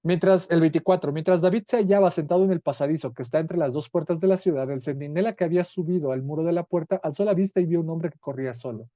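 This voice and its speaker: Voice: mid-range voice, fast talker, few pauses, dark tone, no room sound, lo-fi sound. A Bible study teacher with a Mexican accent, reading scripture aloud and explaining it in an earnest way, with small restarts.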